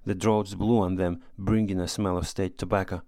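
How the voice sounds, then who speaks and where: A man narrating a classic story as an audiobook reader, in a steady, measured manner. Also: deep voice, dry recording.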